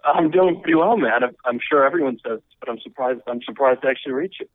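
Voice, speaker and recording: A man from Chicago comes through a thin, phone-like line, the sound dry and close with no room around it. He talks quickly in a relaxed way, often repeating words as he hunts for the next phrase. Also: mid-range voice, dry recording. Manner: halting, repeats words while searching for them. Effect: heard over a phone line. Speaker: caller. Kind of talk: casual phone call into a podcast.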